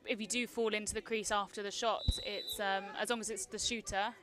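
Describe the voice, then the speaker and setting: A woman's voice: mid-range voice, level tone, brisk. Chatty female lacrosse color commentator. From Wales. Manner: chatty analysis with fillers and laughs. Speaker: color commentator, former player. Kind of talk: live sports commentary.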